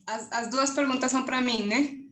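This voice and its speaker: A native Spanish speaker with a Colombian accent, this conference presenter answers questions on an online academic panel in a high, bright voice with fairly even intonation and a moderate pace. She sounds hesitant, searching for words and often adding tag questions. Her video-call audio has a noticeable room echo.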